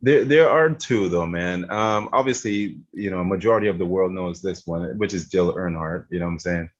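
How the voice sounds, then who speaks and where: A man's voice: low voice, moderate pace, lo-fi sound. A man from Barbados, a gaming streamer, chatting casually in an interview, laid-back and laughing often. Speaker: streamer guest.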